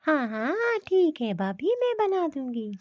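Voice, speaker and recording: A woman's voice: sits high, very animated, a little slow, dry recording. A woman voicing a worried, put-upon young sister-in-law in a cartoon, anxious and grumbling, yet obliging. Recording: dull lo-fi recording.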